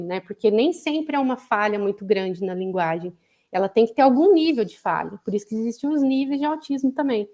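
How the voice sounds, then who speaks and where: On an online live broadcast, a woman psychologist invited as a guest speaker lectures conversationally with a Brazilian accent. Her voice sits a little high, and she explains things patiently, often adding "né?" at the end.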